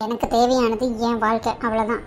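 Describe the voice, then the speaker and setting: A woman voicing a bossy elder sister-in-law in a cartoon drama, brisk and teasing, with a scheming side. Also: a little high, flat delivery, a little hiss or hum, lightly acted. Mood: hushed, scheming.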